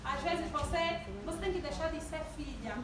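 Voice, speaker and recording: A church youth speaker in her twenties, high-voiced and speaking at normal speed, calls out questions to the congregation during a sermon-style talk and gets them responding. The sound is distant, echoey and noisy.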